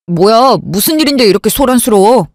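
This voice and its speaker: This is a calm, evasive husband, voiced by a woman in a radio drama. He talks in a low, soothing, stalling way. The sound is close and dry, with no room around the voice. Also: a little fast, no echo, close to an everyday voice. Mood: placating. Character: calm, evasive man, elder sister's husband. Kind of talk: Korean radio drama acting.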